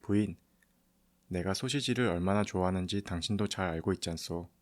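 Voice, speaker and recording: A man's voice: lowish voice, brisk, fairly bright tone, close to an everyday voice. A man voicing a jovial, courtly storybook king who speaks with old-fashioned courtesy. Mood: affectionate. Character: jovial sausage-loving king, affectionate and courtly. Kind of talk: storybook character reading.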